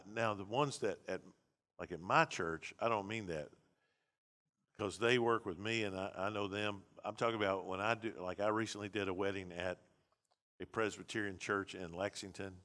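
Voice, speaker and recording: A man's voice: lowish voice, a bit bright. A man, a pastor teaching a seminary class in a blunt, conversational lecture with many restarts.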